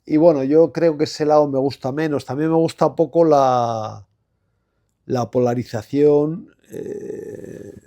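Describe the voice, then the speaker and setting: A Madrid man in his sixties, a former basketball player from Spain, is a guest in a relaxed interview, reflecting and rambling with many fillers and restarts. His voice is a little high and mellow, slow-paced, on lo-fi audio.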